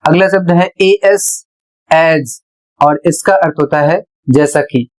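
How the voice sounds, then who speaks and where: Slow Hindi-accented English teacher. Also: mid-range voice, poor audio. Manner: slow, spells words letter by letter then reads them. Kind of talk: pronunciation lesson.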